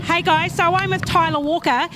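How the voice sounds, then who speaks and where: A woman's voice: very high voice, fairly even intonation, a little fast. A woman, chatting and encouraging as a roving reporter in a casual trackside interview. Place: outdoors at a speedway. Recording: loud outdoor vehicle noise.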